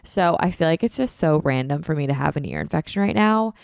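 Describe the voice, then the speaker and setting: A brisk, expressive host in her twenties, congested, runs a casual solo podcast from her beach house living room, chatting with lots of "like" and "um" into a podcast mic at home. Her low voice is gravelly and a little mellow. There's no echo, and the audio is studio quality.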